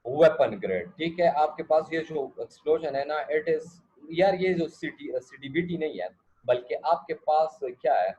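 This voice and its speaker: A man's voice: fairly high pitch, warm tone, husky. A male lecturer, teaching a class and often checking that students follow, with English asides. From Pakistan. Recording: dull lo-fi recording.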